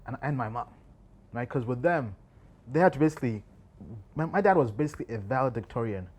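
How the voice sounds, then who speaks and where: A man's voice: medium pitch, expressive, brisk, a little mellow. A man in his thirties from Uganda, talking casually and reflectively to camera, thinking aloud and often asking "right?". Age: 30s. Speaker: crypto investor and vlog host.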